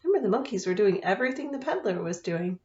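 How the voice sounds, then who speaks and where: A woman teacher reading a picture book aloud to children, expressive and often asking them questions. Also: mid-range voice, fast talker, echoey room, slight background noise. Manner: expressive, asks listeners questions. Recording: dull lo-fi sound.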